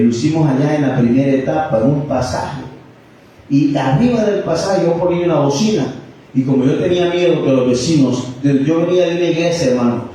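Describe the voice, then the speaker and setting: A man pastor gives a sermon in a church hall, his fairly high voice carrying with heavy echo from a distance away. He talks to the congregation like a conversation, full of rhetorical questions and stories from his own life, over a faint room hum. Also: mellow. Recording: echoey church PA from far off.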